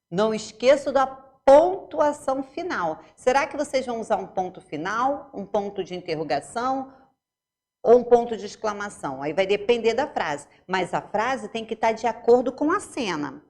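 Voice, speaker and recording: A woman's voice: a little high, animated, moderate pace, a little mellow. A woman teacher with a Brazilian Portuguese accent talks young pupils through an exercise. Her intonation swings widely and expressively. She explains patiently, step by step, and keeps asking checking questions. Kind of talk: remote classroom lesson.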